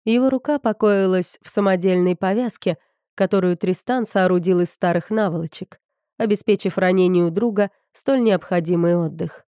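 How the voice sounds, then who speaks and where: A woman's voice: on the low side, moderate pace, dark tone, dry recording, clean studio sound. A woman narrating a novel as an audiobook reader, giving each character a slightly different voice. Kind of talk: scripted narration.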